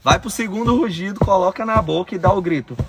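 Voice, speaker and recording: Speaking fast in a high-pitched voice over loud music, a Brazilian-accented man guides a visualization exercise. As the course instructor, he delivers commanding instructions with a sense of urgency.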